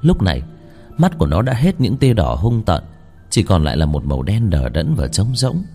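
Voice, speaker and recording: Male ghost-story narrator, low and husky, lively dramatic swings, faint music bed. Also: moderate pace.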